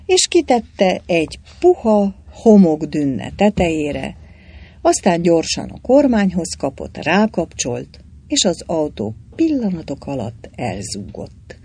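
An audiobook reader narrating an adventure novel with lively, expressive delivery. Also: mid-range voice, husky. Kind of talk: storybook reading.

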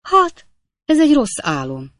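A woman voicing an excitable, indignant old gentleman who shouts in high-strung bursts. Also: dry recording, clean studio sound, heavily acted.

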